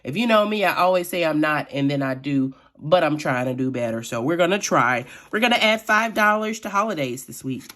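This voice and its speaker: Raspy-voiced woman chatting through a budget. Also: low-pitched, animated, fairly quick, few pauses. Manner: chatty, counting cash out loud. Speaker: budgeting vlogger. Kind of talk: casual vlog narration.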